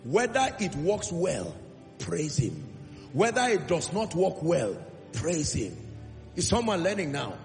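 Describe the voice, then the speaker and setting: A man preaching a sermon, emphatic, building through repeated phrases and dropping to a low earnest tone. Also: wildly swooping pitch, slow pace. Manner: emphatic, rising repetitions, shifts between loud exhortation and low earnest tone. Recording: long hall reverb with faint music.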